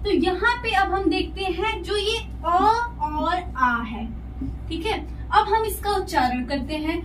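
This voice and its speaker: Woman tutor, very high voice, patient question-and-answer teaching, heard from a distance. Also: expressive, takes it slowly, a bit bright. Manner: explains patiently, asks rhetorical questions and answers them. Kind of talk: classroom lesson explaining step by step. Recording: echoey room, voice from a distance, faint noise.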